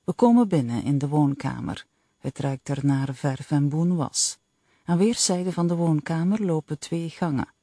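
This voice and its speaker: A woman narrating an audiobook in the first person with a slow, even reading. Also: low-pitched, no echo, clean studio sound.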